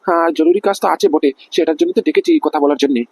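Man voicing a middle-aged cartoon boss, pushy, husky, high-pitched, dry close sound. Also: huge pitch swings, racing, darkish tone, no room sound. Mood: instructing. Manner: keeps asking if he is understood. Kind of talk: cartoon voice acting.

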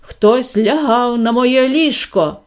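A huge gruff male bear bellows slowly in a storybook tale, as a woman reader puts him on. The voice sits fairly high, drawn out and loud. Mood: angry. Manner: slow roaring shout.

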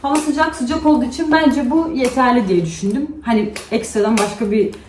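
Mom vlogging at home, chatty and kinda worn out, echoey room with a little noise. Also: female voice, a little high, brisk, darkish tone. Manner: chatty, tired and venting. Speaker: vlogger and mother. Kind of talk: casual vlog chat to camera. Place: at home indoors.

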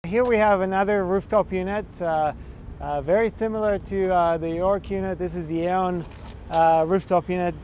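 A man's voice: high-pitched, fairly even intonation, moderate pace, darkish tone. Young man explaining on a rooftop. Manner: hesitant, many filler sounds and restarts. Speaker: energy auditor instructor. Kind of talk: instructional walkthrough. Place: outdoors on a building rooftop. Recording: faint outdoor noise.

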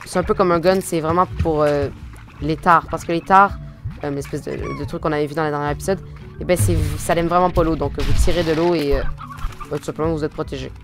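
A man's voice: a little high, fairly quick, over music. Hesitant Quebec French man narrating gameplay. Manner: hesitant, many fillers and restarts, sudden excited outbursts. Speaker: gaming video host. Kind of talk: casual let's-play commentary.

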